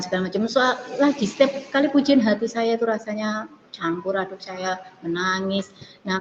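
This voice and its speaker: Woman retelling her testimony, lots of restarts, muffled lo-fi recording with a long echo. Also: medium pitch. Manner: earnest, animated retelling with frequent restarts. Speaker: guest giving a testimony. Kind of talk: personal conversion testimony. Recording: dull lo-fi sound with long reverb and faint noise.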